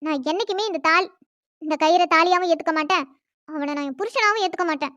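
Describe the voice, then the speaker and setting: A woman's voice: extremely high pitch, fast talker, bright, forceful tone, no echo. A woman doing a defiant young bride. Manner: defiant, retorting. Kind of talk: cartoon family drama. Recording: dull lo-fi, dry.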